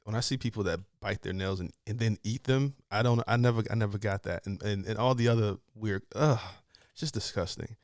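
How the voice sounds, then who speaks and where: A man's voice: fairly low pitch, brisk, no room sound, clean studio sound. A man hosting a reaction video, talking in an easygoing way with frequent laughs and restarts. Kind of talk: casual reaction commentary.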